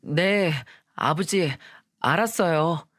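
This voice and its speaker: A woman's voice: on the low side, takes it slowly, a bit bright, dry recording, clean studio sound, pitched below the performer's own voice. A woman voicing a frustrated young husband and son who complains with exasperation, in a scripted story reading. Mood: exasperated.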